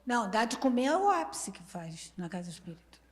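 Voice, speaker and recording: Higher-voiced Brazilian woman in a reverberant hall. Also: sing-song, a little fast. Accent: Brazilian Portuguese. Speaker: co-presenter. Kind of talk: informal lecture, brief interjections.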